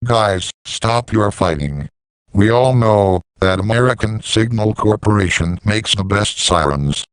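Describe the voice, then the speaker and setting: Deep slow guy doing cartoon character lines, clean smooth voice. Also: lively intonation, no room sound, poor audio. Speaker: voice of talking siren characters. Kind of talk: scripted character dialogue for an animated siren story.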